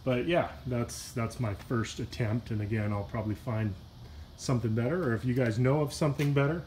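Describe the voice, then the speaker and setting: A man filming a casual vlog outdoors beside a pickup truck, talking in a relaxed, rambling way with lots of "uh" and "you know". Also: medium pitch, fairly quick, a little hiss or hum. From Washington state. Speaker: kayak fishing vlogger. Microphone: handheld phone camera, filming himself off-screen.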